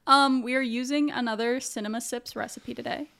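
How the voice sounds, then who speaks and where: Chatty woman with a gravelly voice. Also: on the high side, fairly even intonation, fairly bright tone. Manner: chatty, laughs a lot, quick asides. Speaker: podcast co-host. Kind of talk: casual chat.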